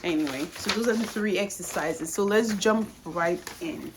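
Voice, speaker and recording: A woman's voice: mid-range voice, normal speed, noisy background. A woman casually talking through a postpartum exercise routine at home, plain-spoken and filling her speech with "uh" and "like". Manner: plain-spoken, with frequent "uh" and "like" fillers. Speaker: vlogger sharing postpartum exercises. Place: bedroom at home. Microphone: camera set up across the room.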